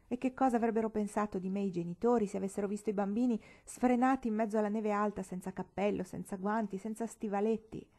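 Mellow-voiced woman reading a novel aloud. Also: medium pitch. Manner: measured, expressive reading. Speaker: audiobook reader. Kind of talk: literary audiobook narration.

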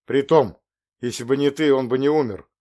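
A man reading an audiobook, voicing a sullen, tearful teenage boy who shouts accusations. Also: mid-range voice, moderate pace, voice pushed up, natural voice. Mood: accusing.

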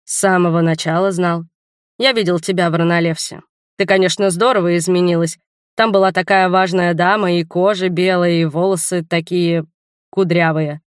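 A woman voicing a drowsy, teasing young male spy in an audiobook, speaking low-key and unhurried. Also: fairly even intonation, clean tone, no room sound, clean studio sound, lightly acted.

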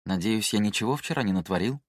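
A man's voice: lowish voice, lively intonation, fast talker, no room sound, studio quality. A man voicing a young drunken male cultivator, sulky and sardonic, who mumbles and grumbles.

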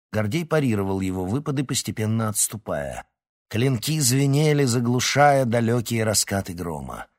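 A man narrating an adventure story in a steady, dramatic reading voice. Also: fairly low pitch. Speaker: audiobook narrator. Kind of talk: scripted narration.

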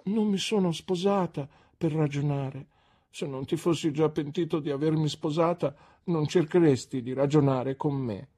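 Woman reader does a childish tearful young wife, pitched high, husky, plaintive. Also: normal speed, dark tone. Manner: pleading, plaintive and breathless.

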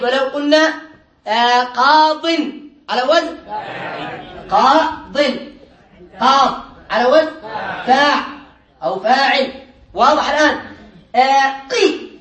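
A man with a high voice teaches grammar in a classroom lesson. He poses questions and supplies the answers himself, repeating key terms slowly and deliberately. His voice rings through a noticeably echoey room. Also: a bit bright. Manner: drills students by asking questions and answering them himself.

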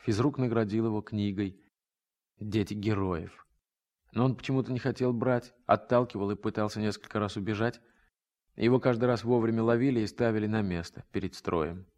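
A man's voice: on the low side, steady tone, brisk, a little mellow. A man narrating a first-person story in a radio drama, in a reflective, rueful tone.

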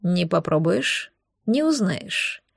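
Brief: woman playing a slow, low-voiced wry elf man, audiobook, dry close sound. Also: very animated, gravelly, no room sound, exaggerated voice. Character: calm, dry-witted male elf.

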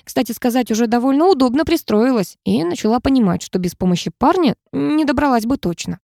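A woman narrating a first-person fantasy audiobook with lively, expressive storytelling. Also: on the high side, a little fast, vocal fry, no room sound, clean studio sound.

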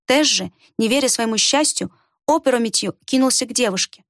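A woman reading a fantasy story aloud in an expressive storytelling manner. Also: fairly high pitch, moderate pace, no room sound, studio quality. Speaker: audiobook narrator. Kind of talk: scripted fantasy narration.

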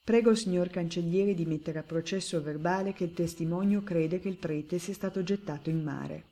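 A woman reading aloud as a shrewd, affable older male magistrate who questions a witness in a smooth, genial way. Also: fairly low pitch, moderate pace, mellow. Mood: sharp.

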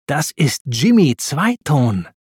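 A man voicing a clever, brave female spy car in a storybook, with a raised, lively voice. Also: fairly high pitch, slow pace, slightly rough, dry recording, clean studio sound, full character voice. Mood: determined. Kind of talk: storybook reading.

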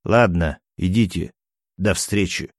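A sly, mocking cynic with a low, deep voice, read by a man. The delivery is dry and close, storybook style. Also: takes it slowly, dry recording, full character voice. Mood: teasing. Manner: sly, teasing.

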